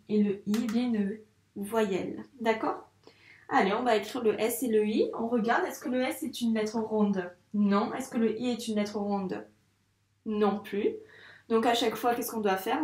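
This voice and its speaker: A woman's voice: a little high, a little mellow, roomy sound. A young woman teaching handwriting to young children, patiently asking questions and answering them herself. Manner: patient, questions and answers her own prompts. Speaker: primary school teacher.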